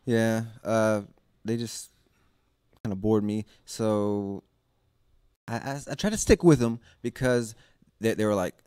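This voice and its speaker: A man co-hosting casual comedic banter, halting and full of fillers and chuckles, into a handheld microphone. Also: on the low side, a little mellow, clean tone, no room sound, studio quality. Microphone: handheld microphone with switch.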